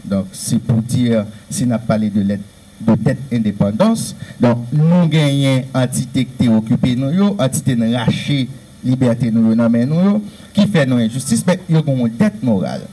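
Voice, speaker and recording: A man's voice: mid-range voice, expressive, normal speed, mellow, poor audio. A man with a Haitian Creole accent giving an earnest lecture-style talk, stressing his points through repeated lists. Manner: earnest, repetitive, emphatic listing. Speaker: speaker on Haitian history.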